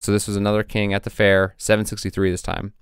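A man's voice: fairly low pitch, completely flat delivery, quick pace, smooth, no echo, studio quality. A man co-hosting a casual podcast, reading passages from old texts with frequent fillers. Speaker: podcast co-host presenting research.

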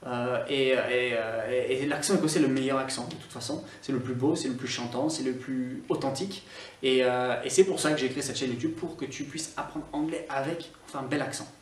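A man's voice: mid-range voice, steady tone, fairly quick, distant mic. Scottish man ranting playfully, roomy echo. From Scotland. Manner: teasing, mock-ranting, with many fillers and restarts. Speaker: online English teacher. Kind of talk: opinionated vlog to camera.

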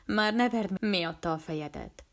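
A woman voicing a wounded fugitive murderer, speaking in a quiet, weary and resigned way in a read-aloud story. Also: mid-range voice, close to an everyday voice. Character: dying fugitive murderer man, feverish and tender. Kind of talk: audiobook character voice.

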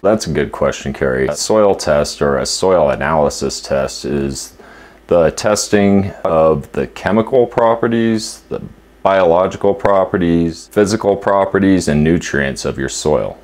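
A man in his fifties, co-hosting a homesteading channel, explains a topic to the camera in his kitchen in a steady, instructive way. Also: low-pitched, measured pace. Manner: steady, instructive, listing points. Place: home kitchen indoors.

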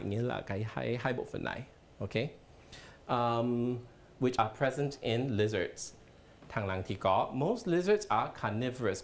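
A man's voice: medium pitch, slight background noise. A man teaching a live televised language lesson in a studio, explaining patiently and spelling words out letter by letter. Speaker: English teacher.

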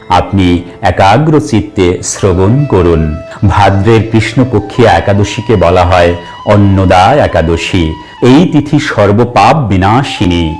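A man reading a devotional scripture passage in a slow, measured, recited way. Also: lowish voice, darkish tone. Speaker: religious narrator.

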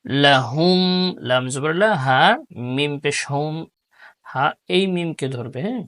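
A man teaching tajweed recitation, spelling out letters syllable by syllable and then reciting each word slowly and drawn out, with quick low-key explanations in between. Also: a bit bright.

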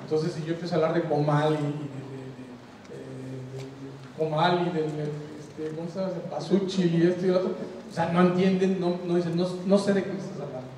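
Speaking on the high side with fairly even intonation, this older Mexican-accented man delivers a conference design lecture in a conversational style and keeps checking his listeners follow. He talks a little fast in a warm tone. The handheld mic picks up roomy, distant echo from the large seated hall, plus slight background noise.

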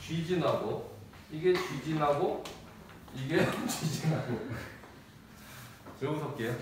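A man's voice: fairly high pitch, slow. A man teaching math in a casual lecture, telling a personal story in blunt, slangy language and laughing often. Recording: echoey room, distant mic, noisy.

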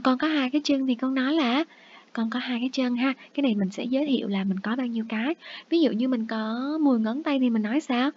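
Woman, children's English teacher, slightly high voice, patient, slow repeated words, muffled lo-fi recording. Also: slightly rough. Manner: patient, coaxing, models English words slowly and repeats them. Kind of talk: recorded review lesson.

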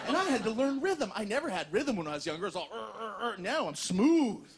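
A man doing a stand-up comedy set on stage, with animated, self-mocking, punchy delivery. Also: sits high, fast talker, a crowd in the background. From Canada. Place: comedy stage before a live audience. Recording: live show with audience laughter and noise.

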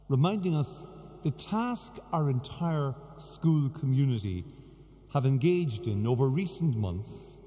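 A middle-aged man with an Irish accent, a bishop reading and preaching with measured, deliberate phrasing in cathedral echo. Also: mid-range voice, warm tone. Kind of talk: liturgical reading and sermon. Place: large church, at the lectern. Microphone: gooseneck lectern microphone. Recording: cathedral echo, long reverberant church acoustic.

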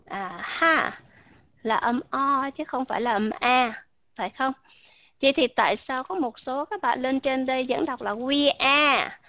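Woman pronunciation teacher, high and bright, dry dull lo-fi audio, drills sounds with learners. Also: no room sound. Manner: explains slowly, models English sounds, asks learners questions. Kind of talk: online pronunciation class.

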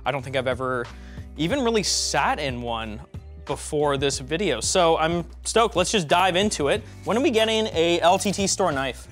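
A man's voice: fairly high pitch, lively intonation, moderate pace, a bit bright, soft background music. Upbeat young man hosting an unboxing. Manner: upbeat, joking, thinks aloud while handling the product. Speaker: tech unboxing host. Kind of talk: casual unboxing commentary.

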